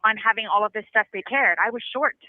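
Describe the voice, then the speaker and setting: A woman's voice: medium pitch, fast talker, dry recording. A woman calling from prison over a phone line, talking in a worried, complaining way. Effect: prison phone call line. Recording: tinny dry phone line.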